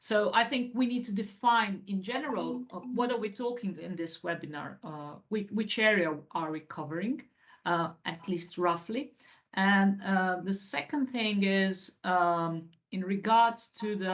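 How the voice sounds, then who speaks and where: A woman's voice: medium pitch, dull audio. A woman with a Croatian accent speaking off the cuff as a webinar participant, hesitant and repeating words as she frames a comment. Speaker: webinar participant asking a question. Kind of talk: spontaneous question and comment.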